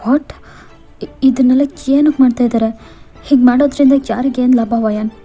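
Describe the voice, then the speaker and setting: A woman's voice: high-pitched, steady tone, normal speed, warm tone, faint music behind. A woman voicing a frantic, grieving young man in a Kannada fan-fiction audio story, pleading in disbelieving outbursts. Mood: panicked.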